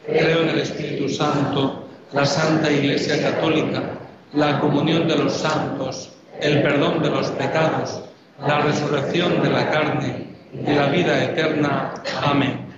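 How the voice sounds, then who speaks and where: Priest with cathedral echo. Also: male voice, fairly high pitch, fairly even intonation, over a noisy crowd. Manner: solemn, measured delivery. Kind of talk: sermon and Mass prayers. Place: large church. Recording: echoey church, dull sound.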